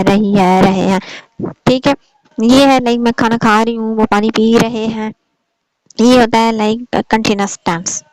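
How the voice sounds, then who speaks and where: A woman giving an online grammar lesson, explaining step by step and checking in with "okay" after nearly every point. Her voice sits a little high. The recording is dry and close, with no room sound. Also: no echo, low-quality recording. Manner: explains patiently, repeats "theek hai" often. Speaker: English teacher.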